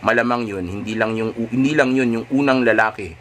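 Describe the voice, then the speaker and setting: A man's voice: medium pitch, fairly quick, a little hiss or hum. Man giving casual dating advice. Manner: keeps checking in with rhetorical tags. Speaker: dating coach.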